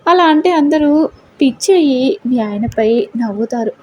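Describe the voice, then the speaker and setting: A teasing, protective young man in an audio storybook, joking fondly and ribbing his friend's husband, as a woman narrator puts him on. The voice sits high and mellow, with a faint hiss of background noise. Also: expressive, a little slow. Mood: playful. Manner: playful, joking, affectionate teasing.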